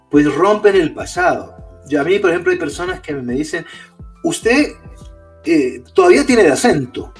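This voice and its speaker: A man, a guest author in an interview, explaining ideas by asking and answering his own questions. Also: a little high.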